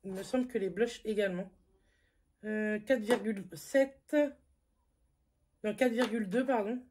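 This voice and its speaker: Female beauty vlogger, relaxed and chatty, teasing herself while showing products to camera. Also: medium pitch, measured pace, a little hiss or hum. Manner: chatty, self-mocking, lots of fillers. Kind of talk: casual makeup haul review.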